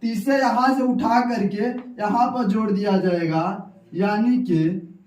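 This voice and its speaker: A man's voice: high-pitched, steady tone, slow pace, darkish tone, far from the mic. A young man teaching a science lesson at a whiteboard, explaining step by step and repeating key terms. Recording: echoey room, off-mic.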